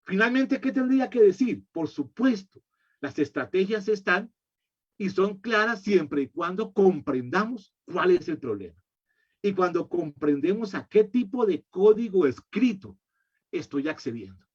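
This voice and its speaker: A man's voice: high voice, very animated, unhurried, slightly rough. A literacy educator giving a slide-based lecture, explaining step by step and answering his own rhetorical questions. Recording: dull lo-fi recording.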